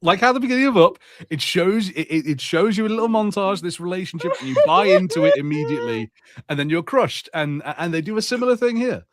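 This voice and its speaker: A man co-hosts a podcast, chatting casually about films and shows and throwing in wry, jokey asides. His voice is high-pitched and sing-song, and he talks fast.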